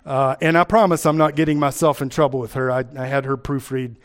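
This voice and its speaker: A man's voice: mid-range voice, level tone, fairly quick. A man from Kentucky with an Appalachian accent, preaching a sermon and teaching from scripture, repeating key phrases for emphasis.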